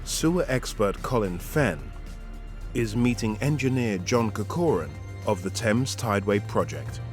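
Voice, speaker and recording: A man's voice: fairly low pitch, animated, measured pace. A man reading scripted narration for a nature and science documentary. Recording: music under the voice. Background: prominent background music.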